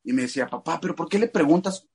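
Husky Mexican man telling a story. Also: a little high, fast. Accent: Mexican Spanish. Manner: animated storyteller acting out quoted voices. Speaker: guest, father. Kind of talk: casual storytelling chat.

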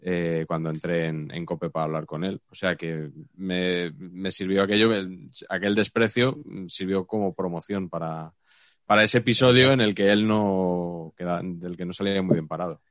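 A man's voice: deep voice, steady tone, moderate pace, fairly bright tone, no room sound. A man with a Spain accent, chatting casually as a podcaster on a sports media panel.

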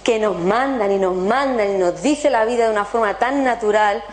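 A woman giving an animated motivational talk to an audience, asking them rhetorical questions. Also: medium pitch, normal speed. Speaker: spiritual workshop speaker.

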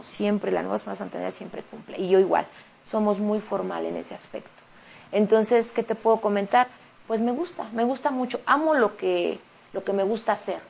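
Her voice is gravelly and medium-pitched: a woman with a Mexican Spanish accent, a singer and actress, giving an emotional, chatty interview. In this casual conversation she recounts things quickly and with animation.

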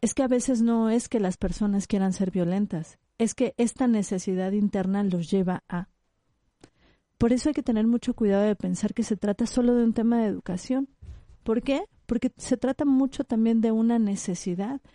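A woman's voice: fairly high pitch, normal speed, dry recording, studio quality. A woman, a specialist guest explaining her topic and acting out short examples as she talks. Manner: animated, explains with acted-out examples. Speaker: psychologist guest. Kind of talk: conversational expert interview.

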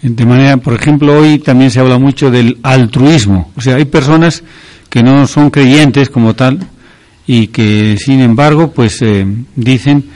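A man's voice: mid-range voice, unhurried, a little mellow. Thoughtful man hosting a religious talk. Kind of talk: interview questions on religious talk show.

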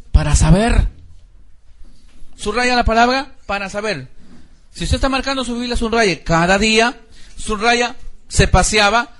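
A man's voice: high voice, pushed and bright. A pastor preaching a sermon to his congregation, exhorting them and asking them to repeat phrases and underline verses.

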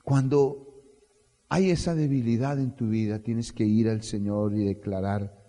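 A man's voice: lowish voice, steady tone, measured pace, mellow. A middle-aged Colombian man preaching a rousing sermon as pastor, calling for responses from the congregation. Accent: Colombian Spanish. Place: church hall. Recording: long reverb of a church hall.

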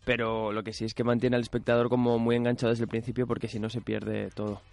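A Spanish man guesting on a radio show, talking fast and explaining things clearly and in a friendly way. His pitch sits in the middle. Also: little pitch movement, darkish tone. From Spain. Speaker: guest actor. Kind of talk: casual radio interview.

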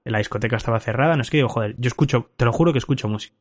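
This podcast host speaks very fast in a medium pitch, spinning a drunken travel tale in casual chat. He laughs a lot and swears frequently.

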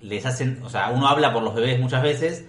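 Man, podcast guest, loud and animated, echoey room. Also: medium pitch, brisk. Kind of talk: casual comedic chat.

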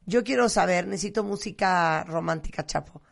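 Teasing, lively host with gravelly voice. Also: mid-range voice, normal speed. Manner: lively, teasing, prompting questions. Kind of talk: casual chat.

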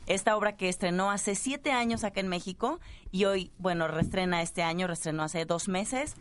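A woman, a stage actress, chatting as a guest, often pausing with fillers to find her words. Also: medium pitch. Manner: hesitant, searching for words. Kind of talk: casual interview chat.

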